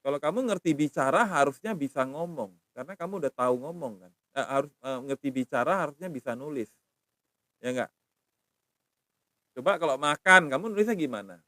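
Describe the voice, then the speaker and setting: A middle-aged man teaches a language on a live stream, patiently sounding out words slowly and checking in with his viewers. His voice sits a little high, and he speaks close to a phone mic in a dry, dead-sounding space. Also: lively intonation, bright, forceful tone, dry recording.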